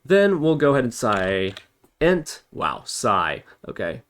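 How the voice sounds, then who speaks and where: Speaking slowly in a mid-range, slightly bright voice, a very animated man guides listeners step by step through a casual coding tutorial. He reasons out loud as he types, correcting himself as he goes, over a noisy backdrop of keyboard typing, clicking, and background noise.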